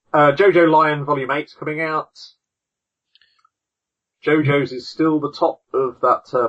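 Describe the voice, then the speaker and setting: A man's voice: medium pitch, fairly bright tone, husky. Male podcast host, casual rambling chat, tinny lo-fi sound through a call mic. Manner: chatty, rambling while clicking through links. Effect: tinny, lo-fi wrong-microphone sound. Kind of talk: casual chat reading news. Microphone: online call.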